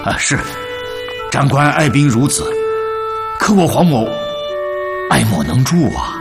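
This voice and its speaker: Wily old bandit, deferential, swooping voice. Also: male voice, mid-range voice, very animated, unhurried, creaky, over loud music. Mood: evasive, deferential. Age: older. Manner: deferential, hedging, theatrically earnest. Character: captured old male bandit second-in-command, wily, deferential, pleading. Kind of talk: television drama acting.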